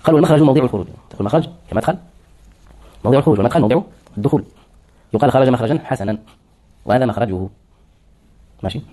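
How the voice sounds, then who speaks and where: A male lecturer talks through definitions at a rapid clip. His voice is dark and mellow. He keeps asking rhetorical questions and answering them himself. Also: mid-range voice. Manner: explains terms, asks and answers his own questions. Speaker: lecturer in hadith sciences. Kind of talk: classroom lecture.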